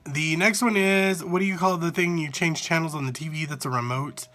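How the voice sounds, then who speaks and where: A man from the American South with a Southern accent, chatting casually and unscripted into a handheld phone, rambling a little and sounding out words deliberately. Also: a little high, fairly even intonation, a bit bright. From Southern United States. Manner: repeats single words slowly to demonstrate pronunciation, rambling. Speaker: vlogger answering an accent challenge. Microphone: handheld phone at arm's length.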